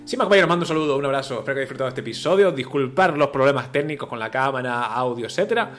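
A man's voice: mid-range voice, expressive, rapid-fire, a bit bright, soft background music. A man, a gaming video host giving casual gameplay commentary, chatty and thinking aloud with repeated filler words.

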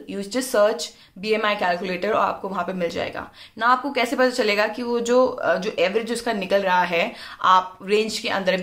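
A young Indian woman with an Indian English accent talks through job requirements at an unhurried pace, her voice sitting at an ordinary middle pitch. She switches between Hindi and English and keeps checking in with her listeners, speaking into a close camera in a plain indoor room. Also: fairly bright tone. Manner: mixes Hindi and English, frequent "ठीक है" check-ins, explanatory. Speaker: former cabin crew giving career advice. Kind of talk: casual advice vlog.

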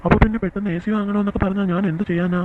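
A woman's voice: mid-range voice, fairly even intonation, very fast, voice pushed down, lightly acted. A woman putting on a young husband's voice, tinny. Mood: exasperated. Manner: earnest, then scolding. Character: young working man, patient son and husband, exasperated. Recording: tinny phone-like sound with faint hiss.

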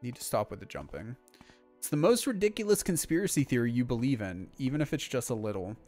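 A young man talking loosely to his stream audience while he plays. His voice sits at an ordinary middle pitch, and his chat drifts and wanders with plenty of filler. Soft game music plays quietly behind him. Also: fast talker. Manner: rambling and relaxed, heavy on filler words. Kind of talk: casual live-stream chat while playing.

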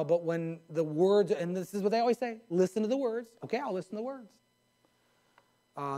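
A man in his forties, a pastor preaching from a pulpit in a church sanctuary, animated and gesturing. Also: fairly high pitch. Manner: animated, gesturing at a pulpit, mimics others in a raised voice. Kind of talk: sermon. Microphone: pulpit mic.

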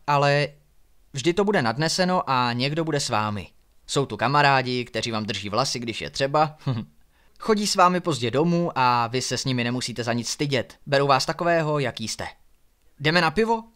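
A man calmly reading a novel aloud as a night-time storytelling session. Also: medium pitch. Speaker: reader. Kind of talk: bedtime book reading.

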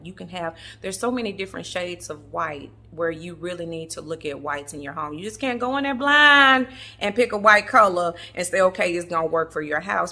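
A woman's voice: lowish voice, creaky, fairly bright tone, husky. A woman chatting to camera from her home about interior design, emphatic and chatty, laughing often and calling her viewers y'all. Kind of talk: casual chat to camera. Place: at home in a family room. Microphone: camera in the room.

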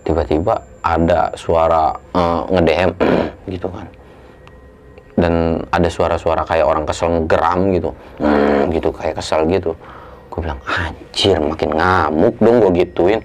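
A young man telling a story casually, in coarse slang, jumping to a loud raised voice when he acts out what was said. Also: deep voice, fairly even intonation, moderate pace. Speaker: storyteller guest.

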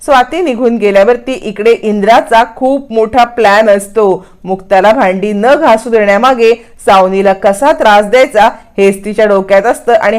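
A woman narrating a TV serial episode in a steady storytelling manner. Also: mid-range voice.

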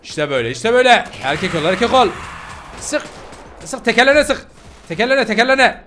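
A young Turkish man hosting a gaming channel, loudly commentating his gameplay and shouting orders at the characters. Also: very high voice, sing-song, a little fast, soft background music. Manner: loud, shouting and yelling at the game.

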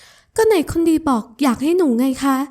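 A woman's voice: high voice, big pitch swings, normal speed, darkish tone, voice pushed up. A woman voicing a sweet, clingy young woman in an audio novel, talking in a sugary, pleading way. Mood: coaxing. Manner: sugary pleading, babyish self-address. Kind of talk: audiobook character voice.

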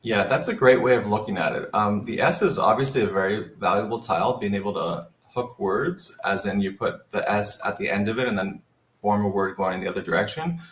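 A man's voice: lowish voice, fairly quick, roomy sound. A man commentating a Scrabble match, analytical and thinking aloud about each move. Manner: analytical, thinks aloud while reading the board. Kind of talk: live game commentary.

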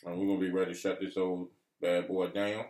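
A man's voice: level tone, fairly quick, darkish tone. A man co-hosting an eating show, chatting casually and mumbling between bites. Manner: laid-back, low-key, mumbling between bites. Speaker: mukbang co-host. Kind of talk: casual chat while eating. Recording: roomy, mic far off.

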